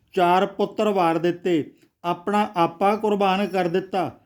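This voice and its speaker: A man voicing a gentle, humble male scholar who speaks with love and sorrow in a storybook. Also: high-pitched. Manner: soft, loving and humble.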